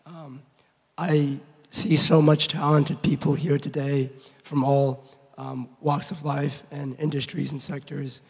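A man with a hoarse, raspy voice, giving an award acceptance speech in a halting way with many pauses and ums. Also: on the high side, little pitch movement. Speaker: award recipient. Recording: long reverb of a large hall.

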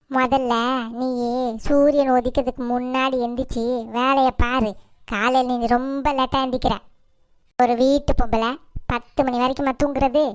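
A woman voicing a sharp-tongued older mother-in-law in a cartoon, scolding and cursing. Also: high voice, clean tone, lightly acted. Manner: nagging, cursing, scornful. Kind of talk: cartoon voice acting.

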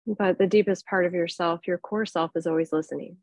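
Speaking slowly and calmly, a female yoga nidra instructor leads a guided relaxation in a fairly low, slightly mellow voice with a steady tone. She leaves long gaps between phrases, and the audio is completely dry, with no room sound at all.

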